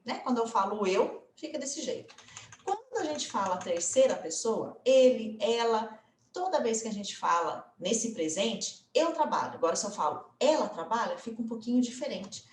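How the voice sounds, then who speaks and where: A Brazilian woman teaching English grammar in a casual video lesson, chatty and full of little tag questions, slowing down to spell out example phrases. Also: mid-range voice, roomy sound, a little hiss or hum. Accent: Brazilian Portuguese.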